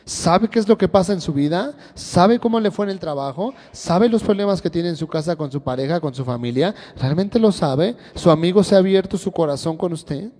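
A man's voice: sits high, animated, brisk, hardly any pauses, a little mellow. A man teaching a sermon to a congregation, firing rhetorical questions at them one after another. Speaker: church teacher. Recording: long reverb of a church hall.

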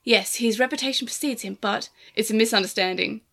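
A woman's voice: fairly high pitch, a little fast, gravelly, a bit bright. A woman voicing a meticulous male team leader, steely but pained, speaking steadily. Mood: sombre.

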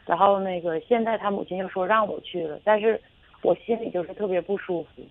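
A woman's voice: mid-range voice, a little fast. A woman calling in to a radio show, telling a personal story in a hesitant, rambling way full of fillers and restarts. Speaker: caller. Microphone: telephone. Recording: tinny phone line.

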